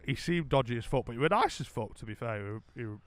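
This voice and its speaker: British male podcast co-host: mid-pitched, tipsy and rambling, casual storyteller with plenty of swearing. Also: lively intonation, fast talker, dry recording.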